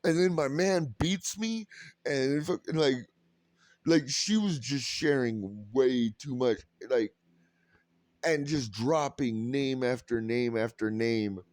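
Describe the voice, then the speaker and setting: A man from California tells a story in a sarcastic, rambling rant, full of swearing. His voice sits in a middle pitch and is recorded close and dry, with no room sound. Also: slow, darkish tone, no echo. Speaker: vlogger.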